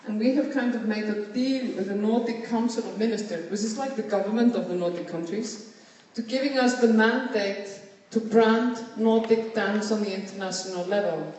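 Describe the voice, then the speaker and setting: A woman's voice: medium pitch, moderate pace, darkish tone. A woman from Iceland, speaking earnestly as a panelist and often repeating words while she thinks. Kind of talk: panel discussion remarks. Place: conference hall. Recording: echoey hall, distant mic.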